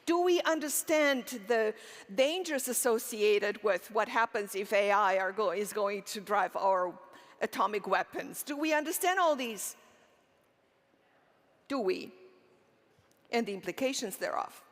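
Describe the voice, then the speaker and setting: A middle-aged Romanian woman delivers an earnest keynote on a conference stage in a large hall, asking the audience rhetorical questions and answering them herself, with frequent fillers and restarts. Her mid-range voice is animated and unhurried, and long hall reverb trails it.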